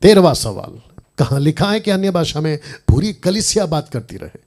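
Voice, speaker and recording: A man's voice: a little high, sing-song, a little mellow. A man giving a Bible lesson, asking pointed questions and mixing English words and verses into his talk. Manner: reads English verses slowly and deliberately; argumentative, asks the audience pointed questions. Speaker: Bible teacher. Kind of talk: Bible teaching in Hindi.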